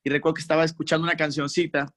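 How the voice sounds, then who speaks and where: A young man with a Mexican accent chats as a guest in an interview. He talks in an animated, slangy way, acts out his own reactions, and sits a little higher than most men. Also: rapid-fire. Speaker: musician guest. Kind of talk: casual interview chat.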